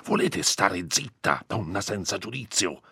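A man voicing a fearful, irritable old village priest who scolds in a hushed, anxious voice, raising his pitch well above his own. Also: expressive, moderate pace, vocal fry, slightly rough, no echo, studio quality, exaggerated voice. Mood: hushed scolding.

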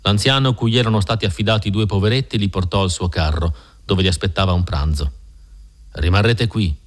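A man narrating a classic novel in a measured, steady storytelling manner. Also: deep voice. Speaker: audiobook narrator. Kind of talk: scripted literary narration.

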